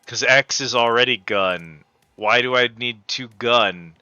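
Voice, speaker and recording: A man's voice: medium pitch, unhurried, bright, forceful tone, smooth, no room sound, highs cut off. A man giving casual let's-play commentary, joking and swearing in slangy speech over game music. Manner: profane, jokey, slangy. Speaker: gamer playing and commentating.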